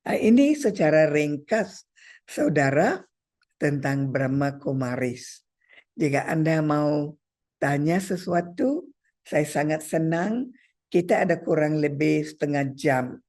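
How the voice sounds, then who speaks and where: A spiritual teacher addressing a gathering at a slow, unhurried pace. The delivery is measured and deliberate, pausing between phrases and repeating key words while counting points off one by one. The voice sits at an ordinary middle pitch. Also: animated, darkish tone. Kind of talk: spiritual talk to an audience.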